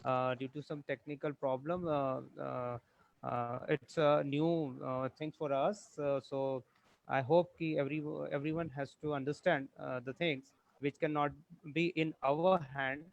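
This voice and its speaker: A man with an Indian English accent hosting a webinar, speaking haltingly with many fillers. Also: a little high, steady tone, gravelly, no room sound. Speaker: webinar moderator. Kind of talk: hesitant formal webinar hosting. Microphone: video call. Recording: dull lo-fi video call audio.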